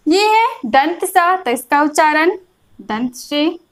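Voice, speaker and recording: A woman teaching a grammar lesson, explaining slowly and repeating each point, often checking whether her students follow. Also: high voice, animated, low-quality recording. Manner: patient, repeats points, checks in with frequent "is that clear". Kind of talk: classroom lecture explaining a chart.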